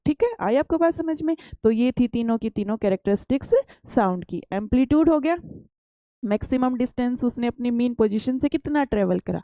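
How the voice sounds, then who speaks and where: A young woman teaches a science class patiently and repetitively, repeating questions back to her pupils and answering them herself. Her slightly high voice is warm and mellow, recorded close and dry without room echo.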